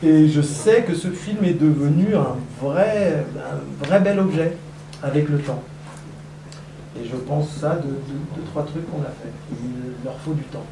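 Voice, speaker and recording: A man's voice: fairly high pitch, measured pace. A man speaking as a guest filmmaker at a film club Q&A, chatting casually, rambling and self-mocking with lots of hesitations. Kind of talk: casual onstage Q&A talk. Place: cinema hall at a live screening event. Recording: echoey hall, distant mic, audience noise.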